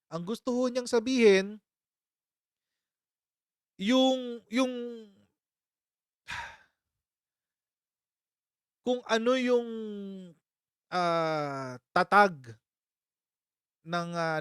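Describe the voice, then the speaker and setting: A man's voice: high voice, steady tone, slow, pauses often, a bit bright, clear, resonant tone, dry recording, studio quality. A man hosting a casual political commentary live stream, chatty and sarcastic, often breaking into laughter and mocking his critics. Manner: sarcastic, mock-impersonates critics.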